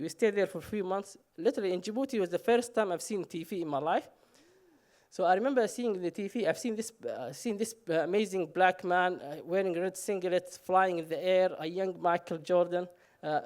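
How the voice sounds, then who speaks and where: High-voiced man telling a story. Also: a little fast, a little mellow. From Somalia. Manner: humorous, self-mocking, frequent "uh" fillers. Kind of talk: live personal storytelling on stage.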